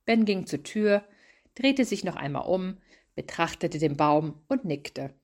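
A woman narrates a short story aloud, calm and even. Her voice is low for a woman. The reading is simple and unhurried.

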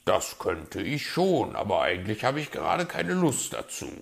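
A man voicing a grumpy, know-it-all male fox in a children's audio story, gruff and sardonic. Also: on the low side, big pitch swings, moderate pace.

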